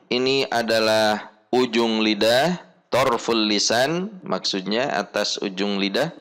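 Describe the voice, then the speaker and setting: A male recitation teacher explains letter sounds in a measured, very unhurried way. He pauses often and repeats short practice syllables so a learner can copy them. His voice sits at an ordinary middle pitch. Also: a bit bright. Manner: slow, deliberate, repeats sample syllables. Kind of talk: instructional lesson on letter pronunciation.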